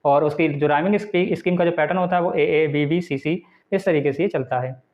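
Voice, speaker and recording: A man teaching a lecture for exam students, slowly reading out English definitions and then explaining them point by point. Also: fairly high pitch. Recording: dull lo-fi recording.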